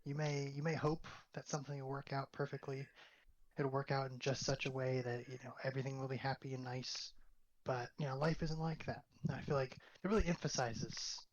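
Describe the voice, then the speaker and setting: A man thinks out loud as a guest in a casual book chat, leaning on fillers and frequent checks for agreement. His mic sounds dull and lo-fi. A faint noise runs underneath. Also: mid-range voice, level tone, a little fast. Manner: thoughtful, filler-heavy, asks for agreement with "right". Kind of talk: casual discussion.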